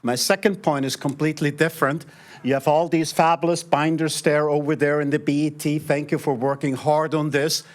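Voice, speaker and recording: A man's voice: fairly high pitch, flat delivery, a little fast. A man giving public comment at a town budget meeting, speaking earnestly and directly, often tagging lines with "right?".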